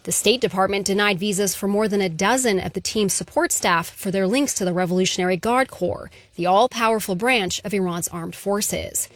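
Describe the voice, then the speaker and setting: A woman reporter narrating a scripted news story in a measured way. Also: mid-range voice, no echo.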